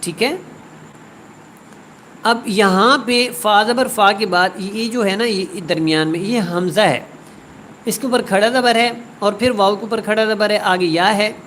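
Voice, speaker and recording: A woman teaching a word-by-word Quran tajweed lesson. She recites each word slowly and drawn out, then explains quickly. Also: mid-range voice, a bit bright, slight background noise, low-quality recording.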